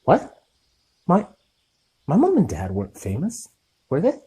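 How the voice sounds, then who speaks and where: A man's voice: fairly high pitch, huge pitch swings, a little slow, warm tone, breathy edge, pitched above the performer's own voice, heavily acted. A man voicing a timid, curious eleven-year-old boy who asks hesitant, stammering questions in an audiobook. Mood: puzzled. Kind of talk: audiobook character voice.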